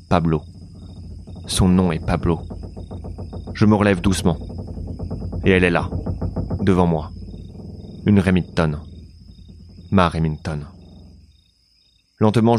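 Deep-voiced man narrating a drama. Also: a little mellow, a little hiss or hum. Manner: dramatic, earnest storytelling. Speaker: narrator and lead actor. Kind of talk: scripted first-person audio drama narration.

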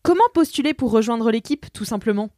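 A woman's voice: on the high side, expressive, brisk, warm tone, dry recording, studio quality. Upbeat woman podcast co-host. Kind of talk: casual podcast chat.

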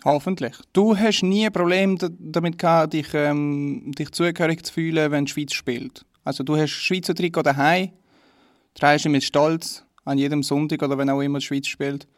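Young Swiss German man, slightly high voice, dry self-deprecating chat. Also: fairly even intonation, normal speed, no echo. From Switzerland. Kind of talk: casual chat.

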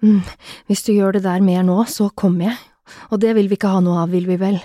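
A woman voicing an intense adult man who speaks in a hoarse, urgent murmur. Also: mid-range voice, steady tone, mellow, no room sound, clean studio sound, lightly acted. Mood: teasing firm. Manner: muttered, urgent half-whisper.

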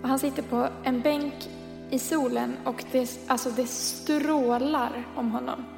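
A woman's voice: high-pitched, fairly even intonation, vocal fry, over music. A woman in her twenties telling a personal story in a chatty way, full of fillers and acted-out dialogue. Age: 20s. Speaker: podcast co-host. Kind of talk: casual storytelling.

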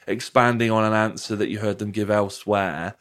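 Podcast host, British man, lowish voice, casual conversational delivery. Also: fairly even intonation, a little fast, a bit bright.

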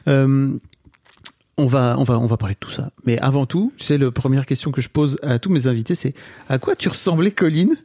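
A man from northern France hosts a podcast in a relaxed, teasing manner, rambling through his questions. His voice is mid-pitched and warm, never sharp. Close microphone in a dry room. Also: a little fast, dry recording. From Nord, northern France. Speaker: podcast host. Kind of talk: casual podcast interview.

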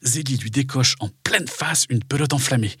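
A man's voice: medium pitch, normal speed, fairly bright tone, slightly rough, no echo, clean studio sound. A man narrating a scripted dramatic story for children.

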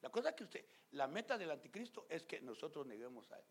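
A man preaching a fiery sermon as pastor. He talks straight to the congregation, gets loud and emphatic, and acts out scenes in other voices. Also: fairly high pitch, very animated, quick pace, slightly rough. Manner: loud and emphatic, often shouting.

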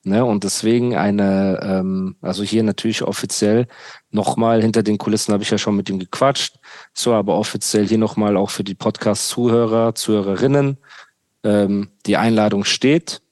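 A man's voice: lowish voice, fairly even intonation, normal speed, darkish tone, no room sound. A young man hosting a podcast, ranting sarcastically in casual chat full of street slang. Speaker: podcast host.

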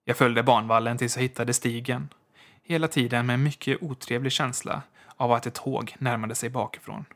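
Male audiobook narrator, measured. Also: mid-range voice, fairly even intonation, a bit bright. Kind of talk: scripted first-person narration.

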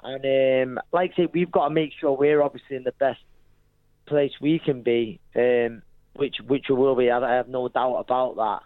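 Over a thin, narrow phone line comes a dry, mid-pitched man with a Manchester accent. He talks informally and matily, as a boxer being interviewed on radio. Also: fairly even intonation, moderate pace, no room sound. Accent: Manchester, English. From Manchester, England. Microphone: phone call.

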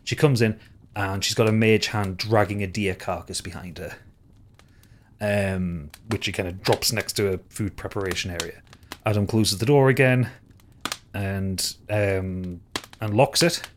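A man's voice: lowish voice, measured pace, noisy background. A man narrating as game master of a tabletop game, loose and full of fillers and restarts.

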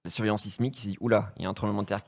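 A man with a Breton accent co-hosting a podcast, chatting in a relaxed, playful way. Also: on the low side, rapid-fire, vocal fry. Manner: relaxed, playful, drops odd expressions. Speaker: podcast co-host. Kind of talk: casual chat.

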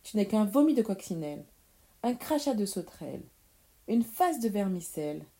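A woman's voice: mid-range voice, lively intonation, measured pace, dark tone, close to an everyday voice. A woman voicing a squabbling storybook witch. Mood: insulting. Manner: cackling, insult-hurling, theatrical. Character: two squabbling old witches, nasty and boastful. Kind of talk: storybook reading for children.

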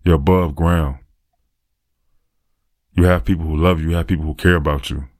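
A man's voice: rumbling low, fairly even intonation, normal speed, darkish tone, no room sound, studio quality. A man talking through a reflective, earnest podcast monologue, repeating phrases for emphasis. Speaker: podcaster and aspiring motivational speaker.

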